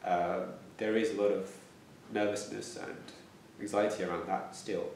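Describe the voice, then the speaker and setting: A man in his twenties with a low, gravelly, slightly mellow voice answers interview questions reflectively, stammering, repeating words and restarting. His delivery is flat and at normal speed. He's in a plain indoor room, recorded with an echoey sound on a slightly distant mic, with a little hiss or hum.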